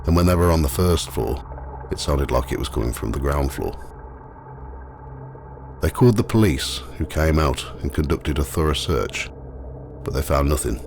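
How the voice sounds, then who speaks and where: A man narrating a scripted ghost walk as the guide, telling the stories in a measured, matter-of-fact way. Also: a bass voice, lively intonation. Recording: clearly noisy, ambient sound behind.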